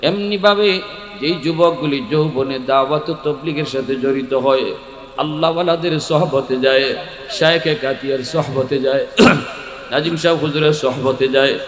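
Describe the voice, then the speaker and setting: A man with a Sylheti Bengali accent giving a sermon, swinging from shouted peaks to quiet storytelling. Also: medium pitch, normal speed. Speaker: preacher. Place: large outdoor or hall religious gathering. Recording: echoey hall with long reverb.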